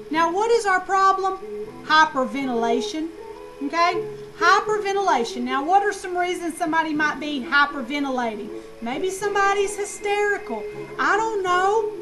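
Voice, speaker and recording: High-voiced, animated woman lecturing nurses. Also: rough recording. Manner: animated, slangy, asks and answers own questions. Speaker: nursing lecturer. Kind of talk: lively classroom lecture.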